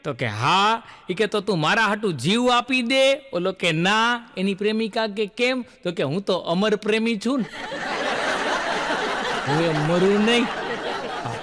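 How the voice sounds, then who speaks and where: High-voiced man telling jokes. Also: animated, a little slow, a bit bright, slight background noise. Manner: folksy storyteller, acts out characters' lines. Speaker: stand-up comedian. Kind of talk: stand-up joke telling.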